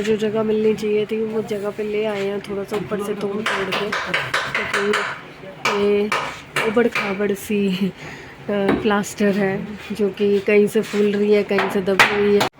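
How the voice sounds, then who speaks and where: A woman talks her viewers through renovation work in her home. She keeps her voice low and chatty, with the camera held close to her. The room behind her is noisy. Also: flat delivery, unhurried. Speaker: home vlogger. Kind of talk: casual home renovation vlog. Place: home under renovation, indoors. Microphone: handheld camera held close.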